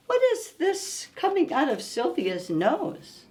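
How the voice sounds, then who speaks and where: A woman reads a picture book to young kids during storytime, drawing them in with an expressive, coaxing delivery and questions. She speaks slowly in a high register, and there's slight background noise.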